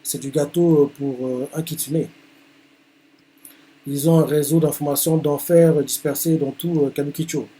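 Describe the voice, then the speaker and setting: Man, manga reaction streamer, slightly high voice, hesitant, many fillers, live panel narration. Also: fairly even intonation, moderate pace, mellow.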